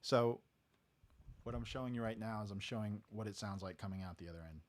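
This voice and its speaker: Speaking fairly quickly in a lowish voice, a man gives a laid-back talk box lesson from his home studio, with some background noise audible. He breaks the technique into steps and tosses in "right?" to check you're following.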